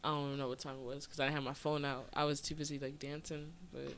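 A young man in casual chat, quick and playful. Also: fairly high pitch, flat delivery, fairly bright tone, slight background noise. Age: young adult.

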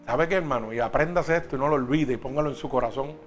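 A man's voice: mid-range voice, quick pace, faint music behind. A man preaching a sermon, talking straight to the congregation with emphatic questions.

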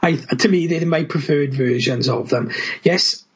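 Raspy-voiced guy guesting on a film podcast, fairly high, keen, swears a bit. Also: unhurried, muffled recording. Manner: enthusiastic, swears casually, frequent tag questions. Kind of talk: casual film chat.

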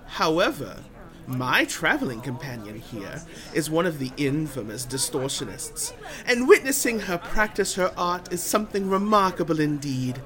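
An actor playing a grandiose travelling bard in a fantasy audio drama, with florid old-fashioned speech and dramatic pauses. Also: medium pitch, sing-song, fairly bright tone. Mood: ominous, boastful. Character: flamboyant, grandiose travelling bard, theatrical storyteller.

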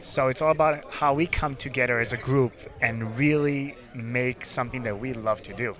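A man's voice: medium pitch, normal speed, fairly bright tone. A man, a film director, talking earnestly about his film, with many fillers. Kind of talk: casual interview.

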